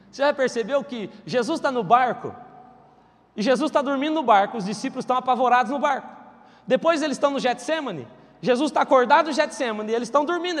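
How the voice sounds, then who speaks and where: Pastor, man, very high voice, emphatic sermon delivery, long hall reverb. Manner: emphatic preaching, rising and pausing with rhetorical questions.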